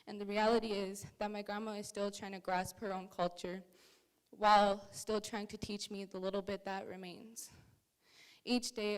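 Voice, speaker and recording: A young woman from Canada reading a prepared personal story at a museum talk, earnest and measured. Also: mid-range voice, clear, resonant tone, rough recording. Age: young adult.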